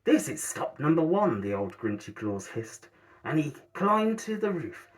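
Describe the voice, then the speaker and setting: A man performs a grumpy male monster reading a children's storybook. The voice sits a little high and leaps around dramatically in pitch. The delivery is sour, sneering and theatrical, leaning hard on repeated words with mounting emphasis. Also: sing-song, measured pace. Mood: scheming, gleeful. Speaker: storybook reader in character.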